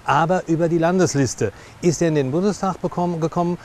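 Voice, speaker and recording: A middle-aged man hosts a television interview on an outdoor lakeside café terrace, speaking emphatically and repeating phrases for stress. His voice is a little high and fast. He wears a lapel mic, and outdoor background noise is clearly audible.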